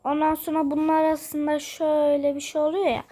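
A young female gamer, sick and coughing, chatting quietly from her bedroom while she plays, rambling with lots of fillers. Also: sits high, completely flat delivery, brisk. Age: school-age. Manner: rambling, many fillers, self-amused. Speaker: gaming vlogger. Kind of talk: casual let's-play chat. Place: bedroom at home.

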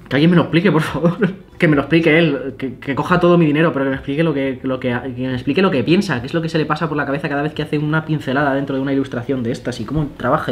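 A young man talks casually and excitedly, gushing and swearing in awe as he pages through an illustration book. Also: fairly high pitch, slight background noise. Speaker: illustrator and YouTuber. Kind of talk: casual vlog, flipping through an art book.

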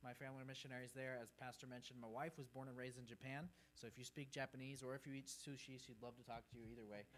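Speaking quickly and flatly, the man's medium-pitched voice is a bit bright. In his thirties and raised in Peru, he earnestly addresses a church congregation from the pulpit as a visiting missionary in an informal presentation. A faint hum and background noise can be heard.

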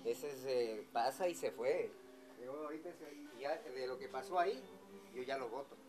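A man's voice: medium pitch, normal speed. A man in his fifties from Ecuador, a café owner, explaining at length in casual chat, emphatic and repeating himself. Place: outdoor café patio. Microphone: far camera on a table. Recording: distant outdoor mic with music behind.

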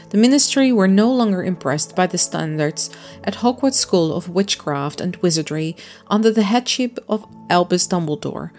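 Lower-voiced woman narrating a crafting vlog. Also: a little mellow. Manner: friendly, chatty, explaining step by step. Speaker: miniature crafting vlogger. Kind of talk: casual voice-over narration.

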